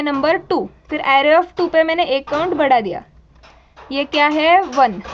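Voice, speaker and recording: High-voiced woman teaching coding step by step. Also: dull audio, slight background noise. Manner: explains step by step, mixing Hindi and English, asks the class questions. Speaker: programming teacher. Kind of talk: live coding lesson.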